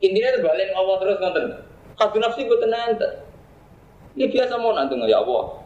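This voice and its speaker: A man's voice: high-pitched, expressive, a little fast, darkish tone, reverberant. Man, Javanese accent, Islamic preacher, casual joking talk, recites Arabic, dull lo-fi recording.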